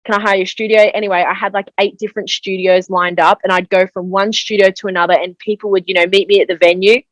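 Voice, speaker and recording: A woman's voice: medium pitch, flat delivery, quick pace, no room sound, poor audio. A young woman, a guest telling her story in a casual interview, chatty and full of 'like'. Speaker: podcast guest.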